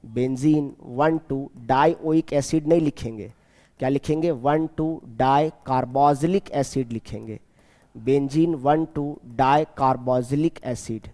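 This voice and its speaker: A man teaching a chemistry class, repeating key terms slowly and asking his students questions as he goes. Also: mid-range voice, darkish tone, in a large hall. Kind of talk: classroom lecture.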